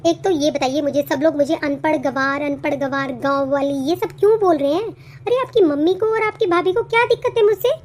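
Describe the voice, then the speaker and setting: Cartoon bride, young and earnest, very high voice, a woman voicing her; indignant. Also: brisk, darkish tone, a little hiss or hum, lightly acted. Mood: upset. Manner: pleading, indignant. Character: young daughter-in-law, educated and earnest. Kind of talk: cartoon voice acting.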